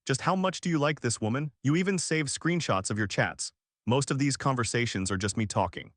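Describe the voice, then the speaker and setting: A man's voice: mid-range voice, lively intonation, fairly quick, no echo, clean studio sound, lightly acted. A man voicing a remorseful young husband and father in a dubbed drama, earnest and tender. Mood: scornful. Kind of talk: dubbed short-drama dialogue.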